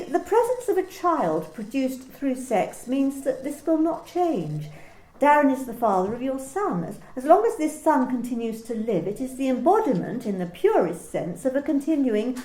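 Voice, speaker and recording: In an amateur radio play reading, a woman voices a cold, condescending company manager who is clipped and controlling. Her voice sits high and is very animated at normal speed, with a dark tone. The low-quality recording is reverberant.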